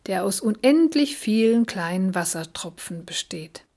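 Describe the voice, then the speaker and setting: A woman voicing a gentle, wise animal friend in a storybook reading, explaining calmly and patiently. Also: mid-range voice, a little slow. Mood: patient, warm.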